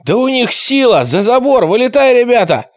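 A man voicing a brash teenage gang leader who barks orders in a raised, excited voice. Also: sits high, fairly quick, dry recording, studio quality, voice pushed up. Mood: shouting alarmed. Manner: shouting, excited.

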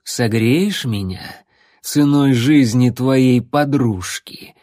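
A man doing a slow, mocking necromancer. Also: medium pitch, warm tone, no echo, clean studio sound, close to an everyday voice. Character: smug, sarcastic immortal male necromancer. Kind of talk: audiobook character voice.

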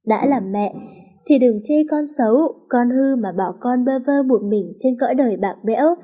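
A woman's voice: a little high, normal speed, narrow, tinny audio. A woman narrating a family story in an emotive way, speaking to listeners.

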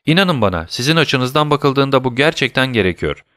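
Bir erkek okuyucunun canlandırdığı alaycı, soğukkanlı ve buyurgan bir dedektif, sesli kitapta biraz yükseltilmiş bir tonla konuşuyor. Sakin ama iğneleyici, karşısındakine üstten bakan bir üslubu var. Kayıt kuru ve yankısız. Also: male voice, mid-range voice, brisk, no echo, clean studio sound, pitched above the performer's own voice. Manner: calm, teasing, commanding. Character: cool, mocking male detective, middle-aged. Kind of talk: audiobook character voice.

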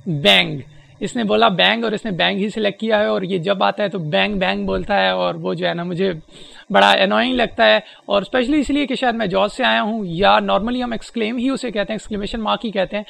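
A man walking through software settings step by step in a spoken tutorial, pausing often with hesitant fillers. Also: high-pitched, fairly even intonation, creaky. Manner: explains step by step with frequent hesitations. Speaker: presenter demonstrating a screen reader.

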